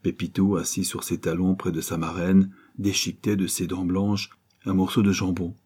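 A man reads an adventure novel aloud in a steady, measured way. His voice is low, mellow and husky. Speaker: audiobook narrator. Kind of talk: scripted narration of an adventure novel.

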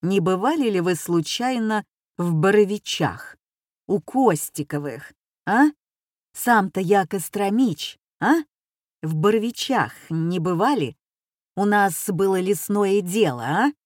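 A woman voicing a chatty provincial man in an audiobook, quiet and insistent. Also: medium pitch, animated, takes it slowly, dry recording, clean studio sound. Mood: chummy. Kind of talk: audiobook character voice.

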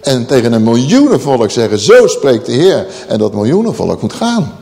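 A man's voice: mid-range voice, huge pitch swings, normal speed, vocal fry, mellow. Emphatic male preacher in a reverberant hall. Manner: emphatic, asks rhetorical questions, stretches key words. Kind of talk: Bible teaching sermon. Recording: long reverb of a large hall.

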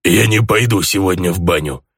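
A man voicing a gruff, sulky male orc who growls his replies through a phone receiver in a storybook reading. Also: low voice, moderate pace, fairly bright tone, no echo, studio quality, full character voice. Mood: grumpy. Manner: growling, grumbling. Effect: voice coming through a phone receiver.

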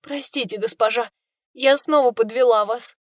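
A woman's voice: a little high, steady tone, normal speed, dry recording, studio quality, voice pushed up, close to an everyday voice. Woman voicing a tearful young maidservant. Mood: sobbing. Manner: sobbing, pleading. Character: tearful devoted young female servant.

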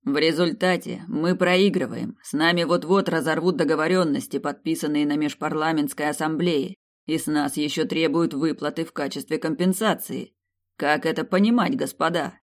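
A man voicing a young male emperor who scolds his ministers with slow, sarcastic rebukes in an audiobook. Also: fairly high pitch, fairly even intonation, lightly acted. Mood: cold anger. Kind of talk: audiobook character voice.

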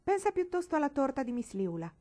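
An earnest, impulsive young girl from a storybook, as a woman reader voices her. Her voice sits noticeably higher than the narration, eager and quick to react. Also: very animated, warm tone. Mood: impetuous.

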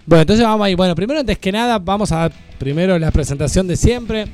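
A man's voice: sits high, fast, a little mellow, no echo, soft background music. A man hosting a casual community radio show, joking and blunt, with an Argentine accent. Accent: Argentine Spanish.

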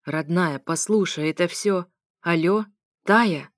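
A gruff, hot-tempered husband, as a woman puts him on. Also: lowish voice, slow, dry recording, clean studio sound. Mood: pleading. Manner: gruff, curt. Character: blunt, hot-tempered young husband, rough-spoken.

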